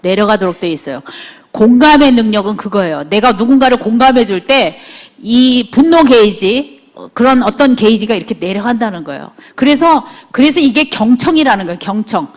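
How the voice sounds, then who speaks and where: A woman's voice: fairly high pitch, lively intonation, brisk. Middle-aged woman giving a conversational lecture. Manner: conversational, asks the audience frequent rhetorical questions.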